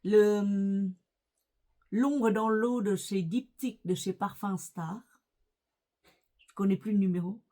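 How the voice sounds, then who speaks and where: A middle-aged woman talks casually to her viewers at a slow, unhurried pace. She is chatty and hesitant, often restarting her sentences and filling pauses. Her pitch sits in an ordinary middle range. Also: fairly even intonation, dark tone. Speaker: lifestyle vlogger. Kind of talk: casual chat about perfumes.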